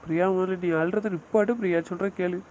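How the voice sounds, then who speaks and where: A man's voice: high voice, steady tone, fast, a little mellow, slight background noise, natural voice, rough recording. A man playing a young husband who hesitantly downplays a head injury and soothes his wife in an audio drama. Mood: soothing.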